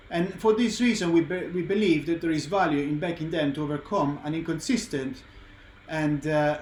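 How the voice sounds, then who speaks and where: A man presenting as a betting tipster, reeling off form and picks as the host of a tips show. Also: fairly high pitch. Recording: echoey room, faint background noise.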